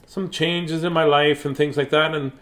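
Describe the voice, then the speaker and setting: A man reads a bedtime story to viewers, chatting casually and hamming it up with singsong scatting. His voice sits fairly high and bright, with a steady tone and a normal pace, in the silly, playful style of a children's storyteller.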